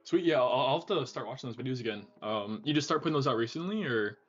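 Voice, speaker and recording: A young man, a student who trades, chatting easily on a call with halting ums. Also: medium pitch, animated, highs cut off, faint music behind. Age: young adult. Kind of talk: casual trading chat.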